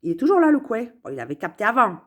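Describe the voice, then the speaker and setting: A woman's voice: fairly high pitch, sing-song, fast talker, lo-fi sound. A woman musing playfully to camera from her sofa at home, meandering with many hesitations and repeated words. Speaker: vlogger. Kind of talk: rambling casual musing to camera.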